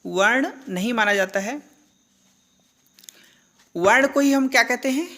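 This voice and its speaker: Female teacher, fairly high voice, measured unhurried delivery, quizzes herself as she goes. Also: fairly bright tone. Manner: asks questions and answers them herself; slow and deliberate, repeats key terms. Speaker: Hindi grammar teacher. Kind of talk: classroom-style lesson.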